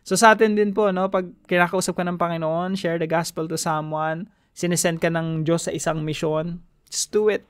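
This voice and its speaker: A man from the Philippines giving a casual devotional talk, animated and chuckling between points, switching between Tagalog and English. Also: on the high side, moderate pace, clear, resonant tone, dry recording, clean studio sound. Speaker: devotion preacher.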